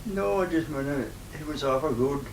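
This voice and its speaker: A man in his nineties with a broad Scottish accent, reminiscing informally in a halting, rambling way in dialect. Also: a little high. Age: 90s. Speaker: interviewee, retired farm worker. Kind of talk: informal oral-history reminiscence. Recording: roomy, noisy, distant microphone.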